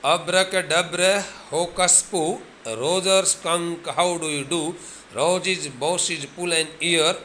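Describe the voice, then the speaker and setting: A man's voice: fairly high pitch, steady tone, slow pace, sharp tone, a little hiss or hum. A man with an Indian accent voicing an elderly, irritable male wizard who chants a spell in a sing-song way. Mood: chanting.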